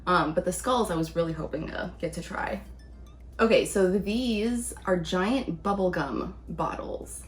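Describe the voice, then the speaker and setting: A woman's voice: lowish voice, measured pace, soft background music. A woman chatting casually as she reviews things in a taste-test vlog. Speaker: vlog host, candy reviewer.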